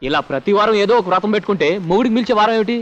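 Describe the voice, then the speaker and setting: An actor playing an amorous, hot-tempered young husband who teases and then scolds loudly, in an old film soundtrack with dull sound. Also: male voice, sits high, lively intonation, racing. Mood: teasing. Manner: playful then scolding, loud outbursts. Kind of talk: 1990s film drama acting.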